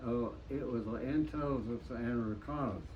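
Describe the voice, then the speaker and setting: An elderly American man, a veteran remembering his service in an interview in a plain-spoken, halting, folksy way. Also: mid-range voice. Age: 90s. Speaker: WWII veteran being interviewed. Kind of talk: interview reminiscence. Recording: dull lo-fi sound with faint noise, distant mic.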